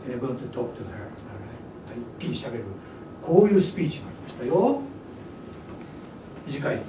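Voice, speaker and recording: A man's voice: medium pitch, very animated, moderate pace. A man leading an English speech workshop, lecturing energetically and breaking into English demonstrations. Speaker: workshop instructor. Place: event hall. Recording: echoey hall from far off, noisy.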